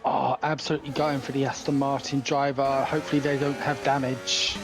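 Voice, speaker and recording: A man's voice: mid-range voice, steady tone, a little fast. Male motorsport co-commentator with music behind. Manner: motorsport commentator reasoning through tactics. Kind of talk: conversational sim racing commentary.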